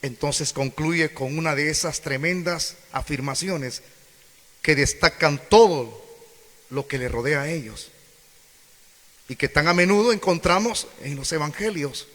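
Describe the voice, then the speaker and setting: Animated male preacher in an echoey hall. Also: a little high, a little slow. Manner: animated, acts out quoted voices, asks congregation questions. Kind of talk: sermon. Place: church hall.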